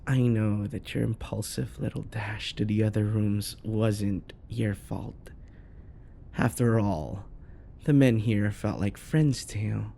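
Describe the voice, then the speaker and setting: In an ASMR roleplay, a man with a fairly low, mellow voice plays an unhinged, possessive yandere predator lover. He often slips into breathy whispers and a menacing croon.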